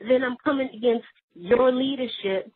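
A woman's voice: high voice, normal speed, slightly rough, no echo. A woman appearing as a guest on a faith talk show, speaking in an earnest, confessional way as she shares her experiences. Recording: dry, tinny phone-line sound.

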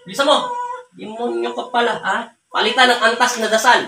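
A woman with a fairly high voice works as a folk healer, barking orders and taunting the spirit she claims to confront. She sounds set back from the microphone in an echoey room, with steady background noise under her voice. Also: a little fast, far from the mic. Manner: commanding, repeatedly ordering and taunting. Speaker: folk healer performing an exorcism. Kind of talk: forceful spoken exorcism ritual.

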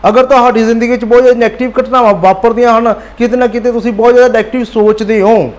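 A man's voice: very high voice, fairly even intonation, rapid-fire. A man giving a motivational talk. He speaks earnestly, repeats phrases for emphasis and addresses his listeners directly as friends.

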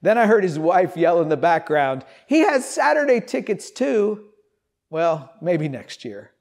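A man in his fifties, a pastor, preaching and reading scripture in an animated storytelling way, in an empty church. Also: sits high, measured pace, creaky. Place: empty church sanctuary, indoors.

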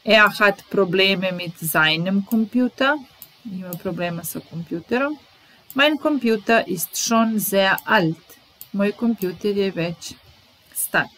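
Slow, careful woman teaching German words. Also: medium pitch, a bit bright, soft background music, poor audio. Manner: reads each German example, translates it, then repeats it. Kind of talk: slow bilingual vocabulary lesson.

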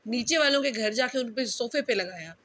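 A woman's voice: on the high side, expressive, moderate pace, bright, forceful tone. A young mother at home scolding her small child, repeating stern questions while fighting back laughter.

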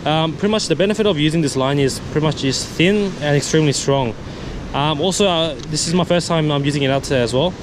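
A man's voice: a little high, fast talker, noisy background. A young man vlogging from a seaside rock ledge with an action camera, talking casually about his catch and his fishing gear with lots of fillers. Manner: relaxed, filler-heavy, says "pretty much" often. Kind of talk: casual outdoor vlog with gear talk. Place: rock ledge by the sea, outdoors. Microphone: head or chest-mounted action camera.

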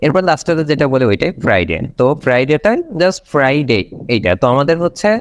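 A man of ordinary pitch teaches an online pronunciation class. He drills each word slowly and repeats it several times before moving on. A faint hiss sits under his voice.

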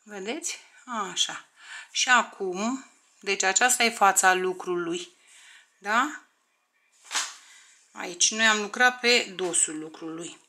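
A woman's voice: mid-range voice, pauses often, pushed and bright. A woman teaching a crochet tutorial step by step, counting stitches aloud, often under her breath, and checking in with viewers.

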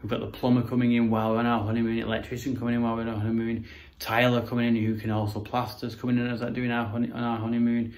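Rapid-fire and totally flat, a man in his thirties with a medium, slightly mellow voice talks his way through a house's rooms for a renovation vlog. The narration is informal and businesslike, meandering as he films indoors on a handheld camera or phone kept at arm's length, with noticeable noise in the background.

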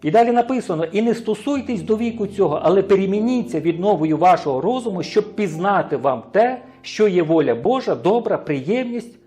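A man's voice: sits high, animated, brisk, hardly any pauses, dark tone. A man with a Ukrainian accent preaching a sermon, often asking the congregation questions and answering them himself, sometimes stumbling and restarting words. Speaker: pastor.

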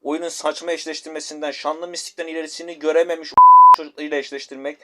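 A man with a high voice rants furiously over his mobile game, swearing and repeating himself as he complains. The recording is noisy, with game clicks and beeps behind him. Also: flat delivery, fast talker. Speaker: gamer. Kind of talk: angry mobile game commentary.

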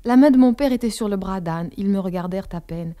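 A woman narrating a literary novel as an audiobook in a calm, measured reading. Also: mid-range voice.

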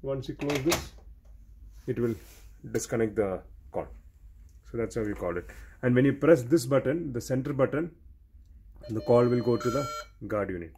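A technician instructs learners on equipment in a hands-on, methodical, repetitive manner. His medium-pitched voice is a little mellow with lively intonation at normal speed and long pauses, and there is a little hiss or hum.

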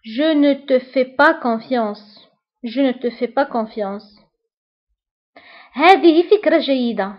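A woman giving a language lesson, explaining briefly and then repeating each phrase with careful, deliberate enunciation. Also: high-pitched, expressive. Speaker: French teacher. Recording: dull lo-fi recording.

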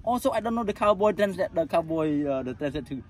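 A man's voice: on the high side, animated, fast talker, a little hiss or hum. A Cambodian man in his forties, a tuk-tuk driver, telling stories in broken English with a Cambodian accent, laughing often and acting out the voices of people he quotes. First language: Khmer. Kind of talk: casual storytelling interview.

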